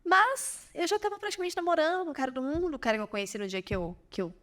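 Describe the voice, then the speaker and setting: High-voiced woman giving testimony. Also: fast, fairly bright tone. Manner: earnest storytelling, addresses listeners as "gente". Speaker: podcast guest. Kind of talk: emotional personal testimony.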